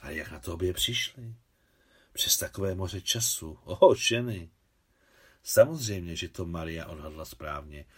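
A man narrating a novel, reading the dialogue lines in a higher voice for the women. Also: husky. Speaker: audiobook narrator.

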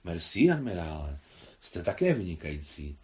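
Gushing french governess lady, all exclamations, a man reading her, lowish voice, bit muffled. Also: very animated, a little mellow. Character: effusive older French governess woman.

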